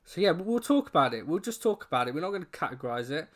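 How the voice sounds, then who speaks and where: A man's voice: on the high side, very animated, quick pace. A man co-hosting a casual film discussion in a chatty, informal way, with slightly unclear R sounds. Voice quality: trouble pronouncing his R's. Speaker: co-host of a film review show.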